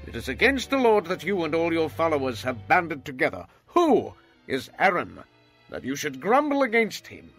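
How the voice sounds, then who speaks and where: In a dramatized scripture reading with faint music behind, an actor fully voices a stern, commanding prophet leader, forceful and at times pleading. His voice runs on the high side with wildly swooping pitch at a normal pace.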